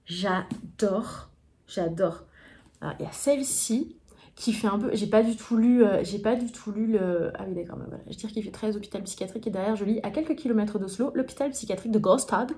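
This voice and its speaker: A young woman from France talks casually to camera about her books. Her voice is mellow and low in brightness, and she sounds tired and yawning. Her speech meanders, full of hesitations and restarts. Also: fairly quick. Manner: chatty, with frequent hesitations and restarts. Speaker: book vlogger. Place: home, indoors in the evening.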